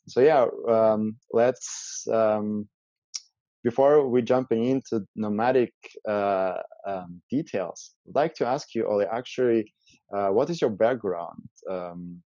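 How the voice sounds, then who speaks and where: Low, mellow, hesitant male host. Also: dry recording, highs cut off. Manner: hesitant, many fillers. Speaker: interview host. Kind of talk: casual interview talk.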